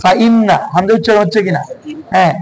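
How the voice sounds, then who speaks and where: A man's voice: high voice, fast, poor audio. A male teacher, giving a classroom lesson and quizzing his students with repeated questions.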